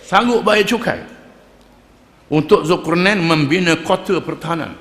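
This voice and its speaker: Preaching older man, bright hall echo. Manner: emphatic, rising to stress points and dropping to low asides; chants Arabic verses slowly. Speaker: Islamic religious teacher. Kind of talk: Quran commentary lecture. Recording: long reverberant hall.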